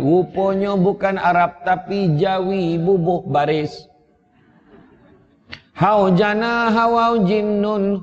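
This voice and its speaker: A man with a Malaysian Malay accent giving a humorous sermon as a preacher, telling stories and acting out scenes as he goes. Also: high voice. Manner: lively storyteller acting out scenes. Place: mosque or prayer hall. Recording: echoey hall, dull lo-fi sound.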